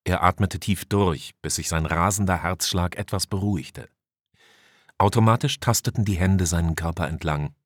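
A man reading a science fiction audiobook in an even, measured storytelling voice. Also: low-pitched, dry recording, studio quality. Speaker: audiobook narrator. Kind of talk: scripted narration.

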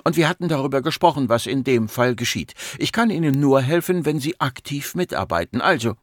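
A man's voice: mid-range voice, animated, fairly quick, dry recording, clean studio sound, voice pushed up, natural voice. A man reading a patient, composed female psychiatrist in her fifties, raising his voice to play her. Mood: firm. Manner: patient, firm, soothing.

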